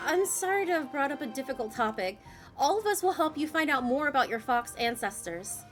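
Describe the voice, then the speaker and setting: A welcoming woman mayor, voiced by a woman reading game dialogue, talks in a polite, chatty, slightly flustered way. Her voice sits a little high. Soft game music plays faintly underneath.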